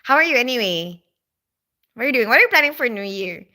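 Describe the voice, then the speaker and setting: A young woman from the Philippines hosts a livestream, her slightly high voice sing-song and sharp as she talks fast. She chats casually in a Filipino accent, reading out viewer comments and filling her speech with "like" and "you know."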